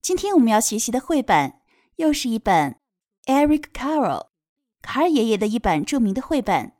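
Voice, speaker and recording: A woman's voice: a little high, sing-song, fairly quick, a little mellow, no room sound, clean studio sound. A woman teaching a children's picture book, reading each line aloud and patiently explaining pronunciation step by step. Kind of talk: bilingual read-aloud lesson.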